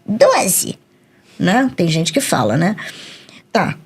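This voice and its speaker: A woman's voice: slow pace, slightly rough. A middle-aged woman, a psychologist, speaking emphatically as a guest on a podcast interview. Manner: emphatic, animated storytelling with wide pitch swings.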